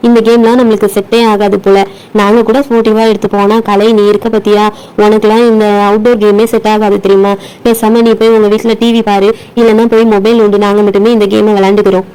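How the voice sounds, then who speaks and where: A woman voicing a blunt, sharp-tongued young woman doll in a doll play story, talking in a mocking way. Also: mid-range voice, level tone, fast talker, clear, resonant tone, lightly acted, poor audio.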